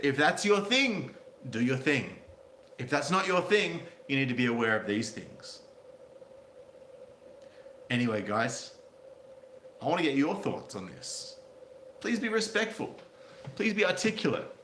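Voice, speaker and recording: A man's voice: mid-range voice, very animated, normal speed, pauses often, a bit bright. A man reading out a story and adding blunt, sardonic, crude commentary in a casual way. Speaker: commentary video host. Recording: roomy echo, faint background noise.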